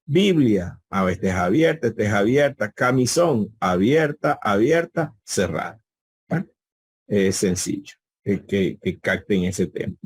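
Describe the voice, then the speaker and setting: A male teacher gives a live class over a video call in a low, slightly husky voice. He repeats key words patiently and throws questions to his students. The sound is dry and close. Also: sing-song, unhurried, dry recording. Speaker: Greek teacher.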